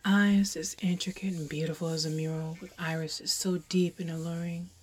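A woman's voice: on the low side, level tone, moderate pace, darkish tone, breathy edge. A woman playing a possessive, seductive female alien in an audio roleplay, teasing and commanding in a whispery voice. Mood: seductive, doting.

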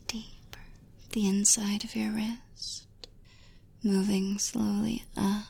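A woman giving a drawn-out, seductive whispered hypnosis, telling the listener to sink deeper. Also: level tone, creaky, warm tone, slightly rough.

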